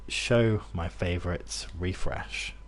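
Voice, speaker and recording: Slow and deep-voiced, a young gaming streamer chats casually with his viewers as he plays. He's from near Birmingham, though his British accent is a loose mix rather than Brummie, and his talk wanders with fillers and restarts.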